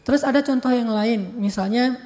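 A woman preacher giving a casual religious talk, telling stories in a chatty, lively way with colloquial asides. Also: a little high, moderate pace.

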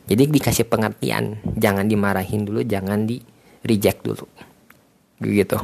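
A young man with a Jakarta accent giving casual parenting advice, slipping English phrases into slangy speech and repeating points for emphasis. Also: medium pitch. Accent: Jakarta Indonesian. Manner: lively, lecturing, repeats himself for emphasis. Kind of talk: casual monologue to viewers.

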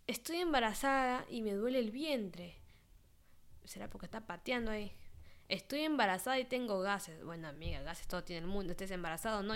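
A woman's voice: mid-range voice, fairly bright tone. A young woman, casually reading out search suggestions and adding playful, wry asides as a vlogger.

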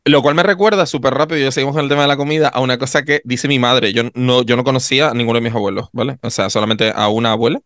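A man co-hosting a podcast in casual chat, expressive and full of little tag questions. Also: mid-range voice, rapid-fire, few pauses, no room sound. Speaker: podcast co-host.

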